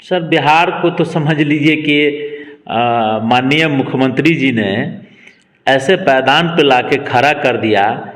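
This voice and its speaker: A man's voice: on the high side, slow pace, fairly bright tone. Emphatic young man, reverberant sound. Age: 20s. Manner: emphatic, rallying speech cadence. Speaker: local party worker. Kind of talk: political interview. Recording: long reverb.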